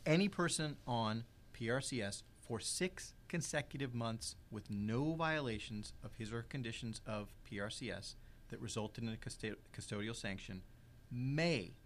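A man explaining legal rules in an interview, measured and precise, stressing key words. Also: medium pitch, a bit bright, slight background noise. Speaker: legal expert guest.

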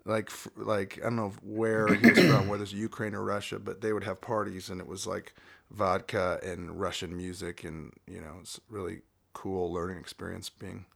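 A man's voice: sits low, steady tone, moderate pace, vocal fry. A man hosting a casual conversation, chatty and digressive with frequent fillers.

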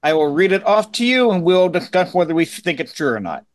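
A man's voice: sits high, very animated, a little fast. A man co-hosting a podcast, joking as he runs a question game. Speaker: podcast co-host. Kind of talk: casual chat.

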